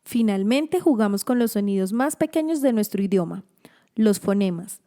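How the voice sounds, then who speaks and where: A woman giving a scripted instructional narration for parents and teachers, slowly stretching out the example words. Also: mid-range voice, animated, warm tone.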